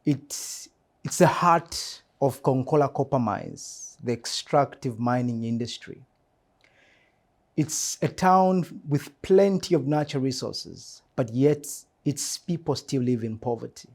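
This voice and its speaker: A church mission secretary with a Zambian accent gives earnest interview answers, measured and emphatic, repeating phrases for emphasis. His medium-pitched voice is animated, with vocal fry.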